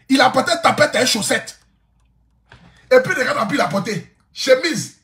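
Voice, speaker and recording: A man's voice: extremely high pitch, a little slow, a bit bright, echoey room. A man telling a comic vlog story, boisterous, laughing often and repeating his phrases. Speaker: social media influencer. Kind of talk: casual comic vlog monologue.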